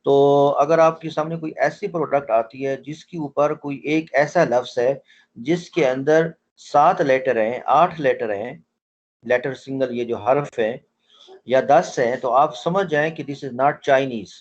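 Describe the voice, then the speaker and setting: A man's voice: mid-range voice, measured pace, highs cut off. A man teaching a language class online, explaining things step by step and often repeating his point as he quizzes his students. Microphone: online call audio.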